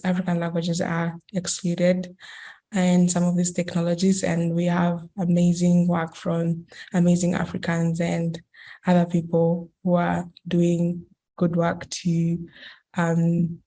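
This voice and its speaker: Guest speaker, woman in her 20s, from Kenya; low, slow, flat delivery, hesitant. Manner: hesitant, many fillers and restarts. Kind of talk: online academic talk.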